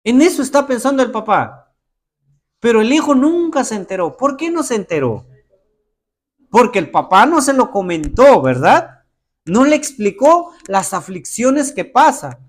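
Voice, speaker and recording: Pastor preaching, high and lively. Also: male voice. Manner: expressive preaching, acting out prayers and letters. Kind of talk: sermon.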